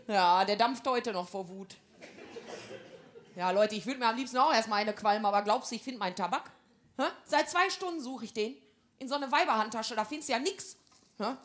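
A woman riffing through a stand-up comedy monologue as a loud-mouthed housewife. Her voice sits on the higher side, and her delivery is brash and gossipy. A faint hiss runs underneath. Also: normal speed. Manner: brash, gossipy housewife banter in broad slang.

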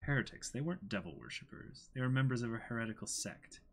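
Quick and animated at medium pitch, a host in his twenties switches from dramatic manga reading to casual reaction chat. He sits in a small indoor room against a plain backdrop.

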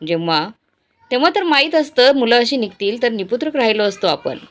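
A woman doing a bitter, shouting old father. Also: extremely high pitch, sing-song, a little fast, voice pushed up, heavily acted. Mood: hurt. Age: older. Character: elderly retired father, angry and hurt.

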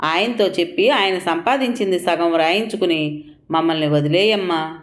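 A woman's voice: fairly low pitch, moderate pace, close to an everyday voice. A woman voicing a meek, pleading young wife. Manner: soft, pleading, timid.

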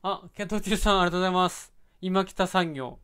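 A man hosting a casual live stream, reading viewer comments aloud and chatting in a relaxed, thinking-out-loud way. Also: sits high, quick pace, clean tone.

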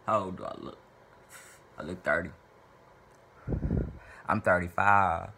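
A man in his 20s from Little Rock, Arkansas, answers fan questions to his camera in a small bedroom, loose, rambling and profane. His very low voice has vocal fry and a slow pace, yet comes across bright and forceful. Under the close webcam sound sits a faint hiss.

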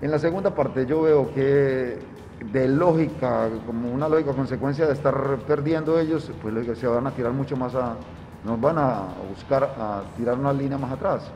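Middle-aged male football coach, halting press conference answers, echoing room, dull sound. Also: mid-range voice, a little mellow. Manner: halting, searching for words. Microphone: table mic, speaking through cloth mask. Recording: reverberant, dull sound with faint music.

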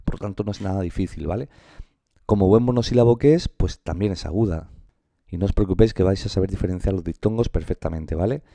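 Male teacher with a Spain Spanish accent, low gravelly voice, dark tone, dry close sound, patient explainer. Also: no room sound. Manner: explanatory, addresses viewers directly, drawn-out example words. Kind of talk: online grammar lesson.

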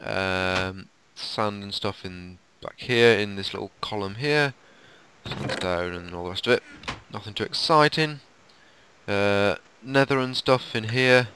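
Casting: low-voiced male let's-player, tired and croaky, chatty tour-guide delivery, faint hiss. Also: unhurried, pushed and bright. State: sleepy, croaky late-night voice. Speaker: let's play co-host. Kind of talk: casual gameplay commentary.

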